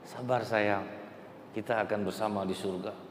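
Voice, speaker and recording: A man doing a devout mother speaking soft and low to comfort her children, steadfast and tender. The voice sits in a roomy hall with a long reverb. Faint ambience hums underneath. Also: fairly even intonation, moderate pace, a little hiss or hum, lightly acted. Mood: soothing. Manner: firm, then soft and soothing to her children.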